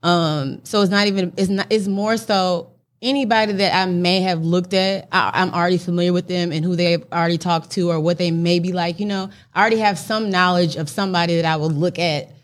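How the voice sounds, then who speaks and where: A woman with a St. Louis accent speaks in a somewhat low register. She gives her opinion in casual, slangy conversation, frank and plain-spoken as she reasons through each point. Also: steady tone, fairly quick, few pauses. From St. Louis, United States.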